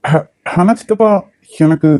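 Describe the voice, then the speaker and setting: Brief: grudging Kanyakumari young man in a cartoon, voiced by a man, mellow and high. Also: a little slow, no echo, natural voice. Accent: Kanyakumari Tamil. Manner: blunt, grudging. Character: stubborn young man, nephew. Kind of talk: cartoon voice acting.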